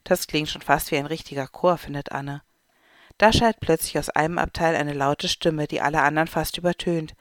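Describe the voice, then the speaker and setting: A narrator reading a children's story aloud in a calm, clear way. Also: mid-range voice, moderate pace, no echo, studio quality. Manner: calm, clear read-aloud delivery with light voices for characters.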